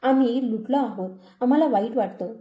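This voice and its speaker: A woman doing a scheming older aunt, wailing, accusing, dark mellow tone. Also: fairly high pitch, moderate pace, echoey room, close to an everyday voice.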